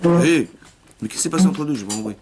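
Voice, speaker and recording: A man, a rabbi, teaching a Torah class for women, talking rapidly and repeating himself, often checking that his listeners have understood and acting out little dialogues. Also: on the high side, lively intonation, noisy background. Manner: acts out dialogues within his explanations.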